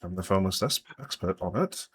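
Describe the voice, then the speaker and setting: A man's voice: sits low, lively intonation, brisk, fairly bright tone, husky, pitched below the performer's own voice, full character voice. A man voicing a nervous, sweaty masked woman who is a dragon scholar, stammering and hesitant in a tabletop game.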